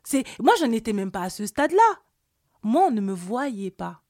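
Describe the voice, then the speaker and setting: A woman from Cameroon hosting a podcast, telling personal stories in a casual, animated interview chat. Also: fairly high pitch, normal speed, no echo, clean studio sound. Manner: animated storytelling, many fillers. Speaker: podcast host.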